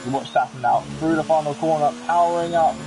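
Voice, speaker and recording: A man giving live commentary on a racing league, excitable and chatty with joking asides. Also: on the high side, fast talker. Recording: game engine noise under the voice. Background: racing car engine sounds from the game.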